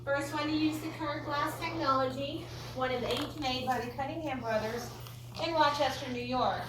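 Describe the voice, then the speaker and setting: An American woman leads a ghost tour inside an old theatre, telling stories to her group in a folksy, chatty, joking manner. Her voice is high and her speed is normal. The distant mic picks up a roomy echo and clear background noise.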